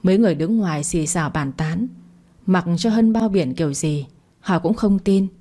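A woman's voice: fairly low pitch, moderate pace, mellow. A woman reading a family drama story aloud as narrator, voicing the quoted parts herself with little change.

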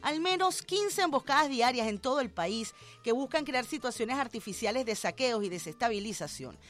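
A woman's voice: fairly high pitch, expressive, normal speed, fairly bright tone, soft background music. A Venezuelan woman hosting a radio show, giving emphatic, indignant commentary with sarcastic asides. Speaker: radio host.

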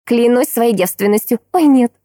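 A woman voicing an excitable, chatty teenage girl who squeals and fires off questions. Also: a little high, no echo, clean studio sound, voice pushed up, close to an everyday voice. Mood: playful. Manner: squealing, rapid-fire questions. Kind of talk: audiobook character voice.

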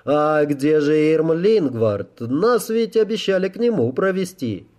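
A man playing a hard-edged commander in an audiobook, talking in a curt, brusque way. The voice sits higher and louder than the reader's plain narration, and its tone stays dark and mellow. The menace is cold and clipped rather than shouted. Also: animated, unhurried. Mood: mock-indignant. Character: hard, commanding male leader, coldly menacing.

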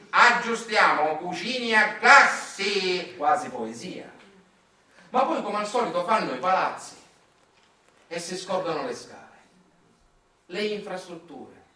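With a Sicilian accent and a fairly high, fairly bright voice, a male stage monologist delivers a theatrical narrative monologue full of dramatic emphasis. He was recorded far from the mic in an echoey room.

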